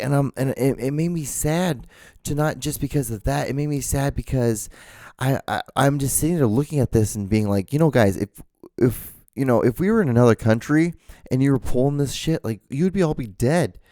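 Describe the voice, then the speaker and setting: A man from Honduras hosting a podcast, talking through a casual monologue in an emphatic, halting way, with many restarts and fillers. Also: medium pitch, dark tone, dry recording, studio quality. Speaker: podcast host.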